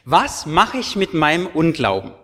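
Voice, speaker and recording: A man's voice: on the high side, big pitch swings, moderate pace, a bit bright. A male pastor preaching a sermon to confirmands, earnest and emphatic, speaking directly to his listeners. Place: church. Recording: long church reverb.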